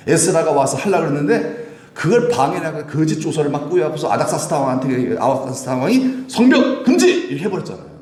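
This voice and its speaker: A man preaching a Sunday sermon as pastor, questioning the congregation and building to shouted emphasis. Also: a little high. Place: church sanctuary. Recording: echoey church room.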